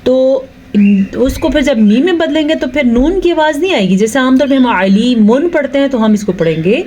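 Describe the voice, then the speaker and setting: A woman teaching Quran recitation rules, explaining slowly, reciting drawn-out examples and asking if the point is clear. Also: sits high, darkish tone, slight background noise. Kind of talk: tajweed lesson with recitation.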